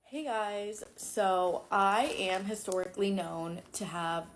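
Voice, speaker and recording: A woman's voice: medium pitch, fairly even intonation, slow pace, roomy sound. A woman in her twenties casually telling a list of bad dating stories. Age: 20s. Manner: candid list-style storytelling. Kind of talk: casual vlog storytelling.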